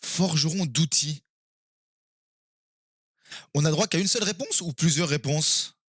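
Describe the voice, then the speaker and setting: A man streaming live and playing a quiz game with his viewers, excitable and quick to exclaim and swear when he is stuck. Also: fairly high pitch, slightly rough, dry recording, clean studio sound.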